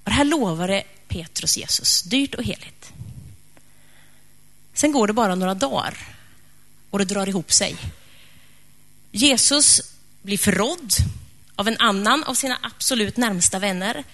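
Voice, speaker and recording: A woman preacher retelling a story in a lively, conversational sermon. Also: mid-range voice, pauses often.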